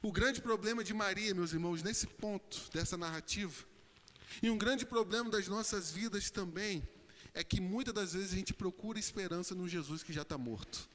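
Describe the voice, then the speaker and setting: A man with a Brazilian Portuguese accent preaching a sermon in church, swelling loud on emphatic phrases and dropping low and soft on others. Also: normal speed. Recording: long reverb of a church hall.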